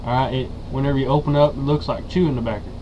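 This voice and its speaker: A man's voice: mid-range voice, fairly even intonation, rapid-fire. An eighteen-year-old man with a Southern US accent, chatting casually as he reviews products. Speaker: dip reviewer. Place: small room indoors. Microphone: webcam or computer mic at arm's length. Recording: muffled, noisy webcam audio.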